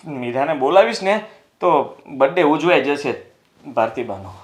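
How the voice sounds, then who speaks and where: A man's voice: on the high side, expressive, moderate pace, roomy sound, natural voice. A man playing a hot-tempered defensive husband. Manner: pleading then shouting in anger. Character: defensive husband, quick to anger. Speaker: husband arguing with his wife. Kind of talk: Gujarati short-film family drama acting.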